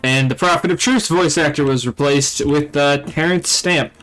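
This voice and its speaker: A man's voice: a little high, moderate pace, a bit bright, rough recording. A man giving casual, conversational commentary as a let's play host. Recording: game noise behind the voice. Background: video game sound.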